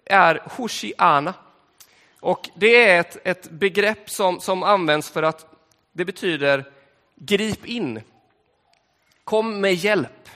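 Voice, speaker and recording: A man preaching a sermon in a church, telling the story in a relaxed, conversational way with frequent fillers. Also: sits high, vocal fry. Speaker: pastor. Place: church hall. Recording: long hall reverb in church.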